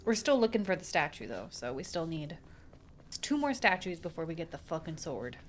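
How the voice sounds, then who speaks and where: A woman's voice: deep voice, sing-song, a little fast, a little hiss or hum. A young woman at home, casually chatting and rambling through a live gameplay stream, with slang and the odd swear. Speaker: game streamer. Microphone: desk streaming mic.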